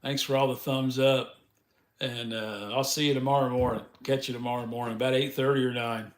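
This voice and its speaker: A man's voice: mid-range voice, flat delivery, fairly quick, reverberant. A man hosting a casual live stream, chatting in a folksy way with the viewers and laughing often.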